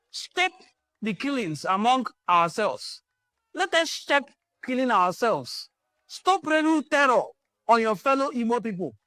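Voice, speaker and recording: A Nigerian woman who hosts a cultural channel gives an impassioned address, driving it forward with repeated rallying calls. Her voice sits a little high and sounds a bit bright, with no echo at all.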